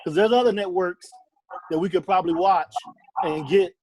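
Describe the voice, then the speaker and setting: A man in his late forties with a higher than usual voice, chatting about sports over a video call. He comes across as calm and agreeable. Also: normal speed, noisy background. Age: 40s. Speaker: podcast co-host. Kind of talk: casual sports talk.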